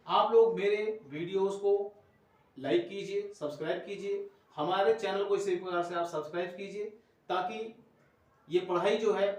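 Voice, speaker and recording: A man teaching a phonics lesson to children, spelling words out letter by letter and then sounding them, in a slow, repetitive drilling manner. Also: sits high, heavy reverb, recorded from a distance.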